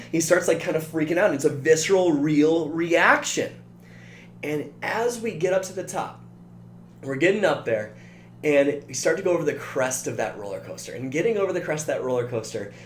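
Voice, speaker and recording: Earnest male motivational coach, roomy sound. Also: on the high side. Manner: earnest, coaching, addresses listener directly. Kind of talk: motivational training talk. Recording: roomy with faint hum.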